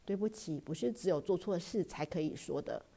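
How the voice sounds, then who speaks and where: A woman voicing a father who is firm at first and gentle later, without lowering her own voice. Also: brisk, vocal fry, breathy edge. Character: stern but caring father.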